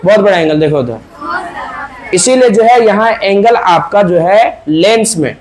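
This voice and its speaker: A man with a Hindi accent teaching physics to a class, firing questions and loudly prompting his students to answer in chorus. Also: high-pitched, sing-song, a little slow. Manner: quizzing students, prompting answers, loud emphatic calls. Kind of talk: classroom lecture with call-and-response. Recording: noisy classroom with crowd.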